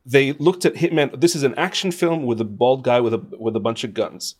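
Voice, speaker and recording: Speaking briskly in a mid-range voice with fairly even intonation, the man offers opinionated, thoughtful replies as an interview guest. He is a video game composer and radio presenter who talks conversationally with emphasis.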